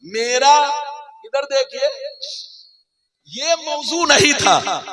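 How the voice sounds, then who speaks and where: A man preaching a sermon at a religious gathering, chanting Arabic verses slowly and calling on the crowd to answer aloud. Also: very high voice, very animated, bright, forceful tone.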